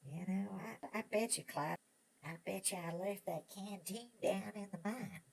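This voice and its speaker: An actor playing an excitable, chatty old prospector with an American Old West drawl, stammering and rambling in a Western audio drama. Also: male voice, high voice, moderate pace, creaky. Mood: puzzled, folksy. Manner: rambling, stammering, repeats words, chuckling old prospector talk.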